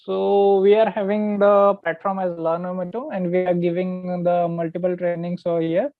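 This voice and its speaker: A man's voice: high-pitched, level tone, normal speed, no echo. A man with an Indian accent teaches an online database lesson, explaining step by step and repeating his phrases. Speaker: database trainer. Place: online call with screen sharing. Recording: narrow phone-like call audio, dry.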